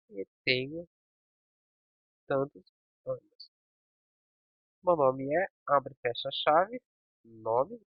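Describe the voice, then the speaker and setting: A man's voice: mid-range voice, vocal fry, no echo, narrow, tinny audio. A man teaching programming in a screen-recorded tutorial, talking through code step by step and checking in with his listeners.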